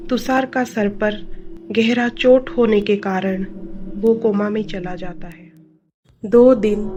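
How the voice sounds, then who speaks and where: Woman narrator, slow, steady dramatic telling, music bed. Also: mid-range voice. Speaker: storyteller. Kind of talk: scripted story narration.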